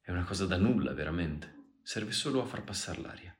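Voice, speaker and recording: Give me a man doing an insistent, reassuring American man with a very deep voice in an echoey room. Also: animated, fairly quick. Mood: coaxing. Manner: reassuring, persuasive.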